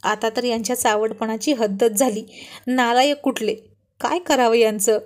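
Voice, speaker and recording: A woman voicing a shy, affectionate young wife who gently scolds her husband, in a story read aloud. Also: a little high, moderate pace, lightly acted. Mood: shy scolding. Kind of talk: storybook reading.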